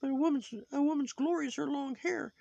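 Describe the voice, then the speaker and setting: A high, reedy sock puppet with a crackly, gravelly edge lectures on and on, moralizing in a judgmental ramble. The sound is dry and close, with no room around it. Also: male voice, fairly even intonation, quick pace, a little mellow, no room sound, muffled recording. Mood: preachy. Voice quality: high put-on voice.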